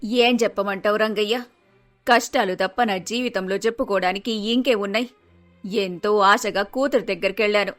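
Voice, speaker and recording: A woman voicing an aging, widowed mother in an animated storybook, lamenting her troubles in a sorrowful, resigned way. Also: mid-range voice, normal speed, faint music behind, natural voice. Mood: grieving. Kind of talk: storybook voice acting.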